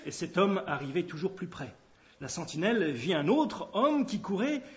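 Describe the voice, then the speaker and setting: A man reading scripture aloud at a steady pace, with occasional hesitations. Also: high voice, moderate pace. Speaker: reader. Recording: dull lo-fi recording.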